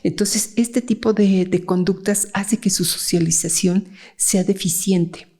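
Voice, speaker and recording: A woman's voice: medium pitch, fairly even intonation, a little slow, warm tone. A woman child psychiatrist, explaining cases in a conversational interview, with fillers and frequent "¿sí?" checks. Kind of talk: explanatory interview talk with anecdotes.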